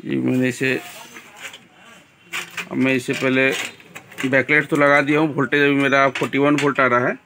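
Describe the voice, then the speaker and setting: Man, Bihari Hindi accent, TV repair tutorial, gravelly flat voice, phone mic in a small workshop. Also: medium pitch, normal speed, pauses often, noisy background. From India. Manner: plain, step-by-step explaining, addresses viewers as friends. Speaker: TV repair technician.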